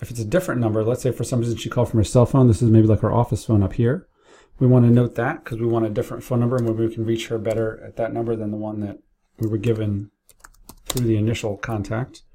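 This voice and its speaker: A business owner training staff narrates a casual screen-share tutorial, explaining things informally step by step. His voice is lowish, warm and fairly flat in pitch, and he talks quickly while keyboard and mouse clicks come from his indoor computer setup.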